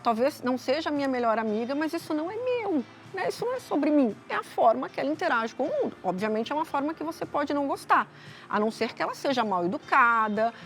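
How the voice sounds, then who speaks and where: High-voiced Brazilian woman giving advice. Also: quick pace. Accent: Brazilian Portuguese. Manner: calm, explanatory, frequent tag questions. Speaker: psychologist guest. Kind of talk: TV talk show advice.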